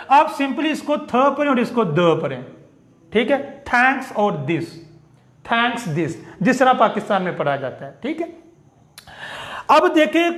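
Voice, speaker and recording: A man with a Pakistani Urdu accent gives a pronunciation lecture in a fairly high voice. He speaks at an unhurried, measured pace. He repeats each example word several times as he explains. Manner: slow, deliberate explaining, repeats example words. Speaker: English teacher. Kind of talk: classroom lecture.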